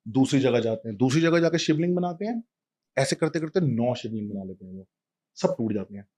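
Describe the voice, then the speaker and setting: A man telling a devotional story in a lively, casual way, talking straight to a listener. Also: medium pitch, fairly quick, husky.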